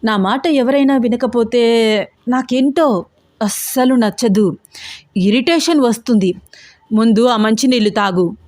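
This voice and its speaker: A woman's voice: fairly high pitch, a little mellow, dry recording, clean studio sound, natural voice. A woman voicing a menacing middle-aged male gang boss who sneers and gives orders in a storybook reading. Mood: commanding. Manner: sneering, commanding, slow and taunting.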